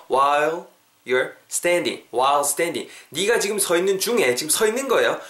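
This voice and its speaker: A man, hosting a podcast English lesson and repeating phrases slowly for listeners to drill. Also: fairly high pitch, a bit bright, roomy sound. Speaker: English teacher, podcast host.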